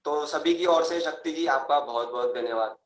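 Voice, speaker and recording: Man giving formal thanks in a roomy echo. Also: fairly high pitch. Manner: formal, halting, with fillers. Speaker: host. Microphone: video call.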